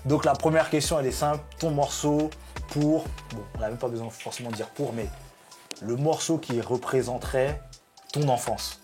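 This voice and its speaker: A young man co-hosting a casual chat show, eager and quick to agree with his guest. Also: mid-range voice, a little mellow, faint music behind. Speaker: co-host.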